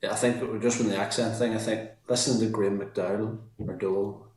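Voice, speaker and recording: A man's voice: lowish voice, fairly even intonation, a little fast, darkish tone, echoey room, poor audio. A man with a Northern Irish accent hosting a casual podcast, chatty and musing, often repeating himself. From Northern Ireland. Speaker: podcast host.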